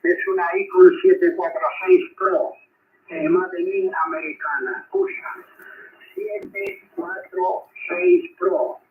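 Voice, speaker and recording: Male ham operator, Spain Spanish accent, swooping intonation, unhurried delivery, narrowband radio transmission. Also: high-pitched, sing-song, creaky, background noise. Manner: halting, repeats words and figures, frequent check-ins. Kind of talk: ham radio contact, spelling out call signs. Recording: thin narrowband shortwave radio signal.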